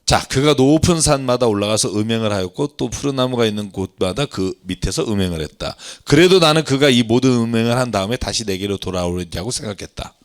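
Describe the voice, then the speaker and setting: A man's voice: mid-range voice, fast, hardly any pauses. A man, a pastor, giving a Bible reading lecture, acting out the words of God and the people and asking his listeners questions. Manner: animated, acts out God's and people's words in dialogue; asks the audience questions, laughs at himself.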